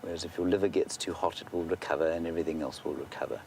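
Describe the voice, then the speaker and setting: A man working as a safari guide, giving unscripted live wildlife commentary and answering viewer questions, sometimes hushed toward a near-whisper. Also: low voice, steady tone, rapid-fire, gravelly. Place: outdoors in an open safari vehicle. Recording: outdoor vehicle and bush ambience noise.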